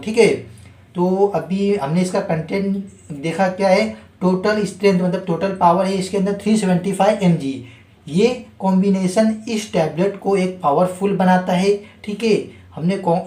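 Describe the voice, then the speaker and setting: A man gives a casual spoken lesson on pharmacy, halting often, stumbling over words, correcting himself and dropping filler checks. His voice sits high with a dark tone, and the rough recording has a roomy sound.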